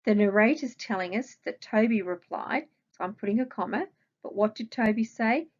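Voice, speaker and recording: Aussie teacher lady doing a recorded grammar lesson, patient, lots of questions to the kids, kinda muffled lo-fi sound. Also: medium pitch. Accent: Australian. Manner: slow, patient explaining with questions to the class. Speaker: primary school teacher.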